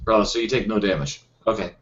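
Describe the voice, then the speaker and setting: A man's voice: on the low side, quick pace, fairly bright tone. Hesitant man running a tabletop game. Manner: hesitant, thinking aloud with many restarts. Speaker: game master. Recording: dull lo-fi sound.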